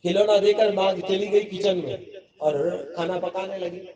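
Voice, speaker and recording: A man's voice: sits high, little pitch movement, a little slow. A man giving a devotional sermon, telling a story in an emphatic, repetitive way. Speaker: preacher. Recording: dull lo-fi sound with a crowd behind.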